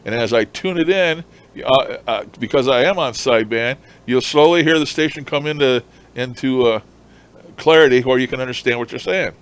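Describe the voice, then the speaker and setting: Here the ham radio presenter's voice sits in the middle range, and his pace is moderate. He casually demonstrates his hobby off the cuff, explaining and going over points again. The audio is clear, with a steady hiss of background noise.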